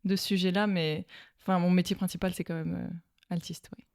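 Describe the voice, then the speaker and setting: A woman's voice: lowish voice, flat delivery, fairly quick, a little mellow, no echo, studio quality. A woman from Alsace, France, guest in an interview, talking casually and hesitantly with many fillers and restarts. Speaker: guest, violist and speech therapist.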